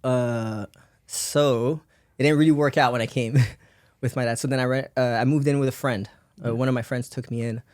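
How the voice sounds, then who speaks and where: A man's voice: mid-range voice, fairly even intonation, moderate pace, darkish tone, no room sound, clean studio sound. A man raised in Belgium, a podcast guest telling his life story in casual rambling talk with many fillers and frequent laughs.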